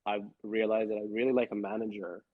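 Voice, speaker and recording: A man from Sri Lanka with a husky voice speaks as a guest on a casual livestream, pausing and trailing into softer asides. The sound is dry and lo-fi, with little room around it. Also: lowish voice, level tone, dry recording. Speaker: guest software developer. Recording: dry lo-fi stream audio.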